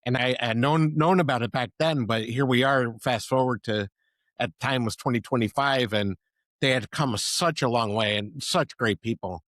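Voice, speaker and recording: A middle-aged man hosting a conversational podcast, rambling with restarts and giving enthusiastic shout-outs. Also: medium pitch, normal speed, no echo. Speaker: podcast host.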